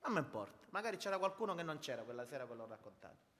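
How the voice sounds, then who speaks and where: A man's voice: medium pitch, sing-song, racing, fairly bright tone, long reverb tail. A man preaching a sermon, emphatic and repetitive, calling his listeners brothers. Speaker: pastor.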